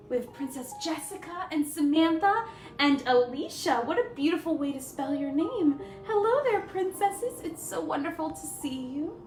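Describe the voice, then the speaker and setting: A woman's voice: high voice, recorded from a distance, exaggerated voice. A woman playing a sweet, cheerful young princess, hosting a live story-time and greeting children in a gushing, sing-song way with little delighted gasps. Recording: echoey room, away from the mic, faint music.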